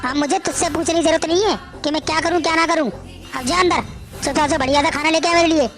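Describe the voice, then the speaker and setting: A woman's voice: high voice, fairly even intonation, fast talker, a bit bright, soft background music. A woman voicing a drunk, short-tempered young husband who scolds harshly. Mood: angry.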